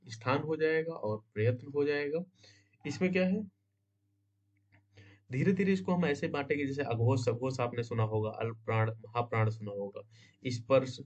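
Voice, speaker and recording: A man's voice: mid-range voice, darkish tone. A man teaching an exam-prep grammar lesson, asking himself questions and answering them, often checking in with his students. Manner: checks in with "है ना?" and "समझे?". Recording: dull lo-fi sound.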